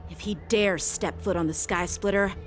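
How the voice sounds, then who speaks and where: A woman's voice: mid-range voice, fairly even intonation, normal speed, slight background noise, close to an everyday voice. A woman voicing an earnest young swordsman. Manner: earnest, formal, eager. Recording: studio game dub over loud music.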